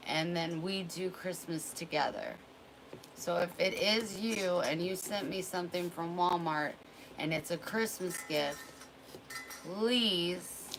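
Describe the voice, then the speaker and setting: Low-voiced woman chatting candidly. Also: fairly bright tone, a little hiss or hum, poor audio. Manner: candid, rambling, confiding. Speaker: vlogger. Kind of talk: casual chat to camera. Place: at home.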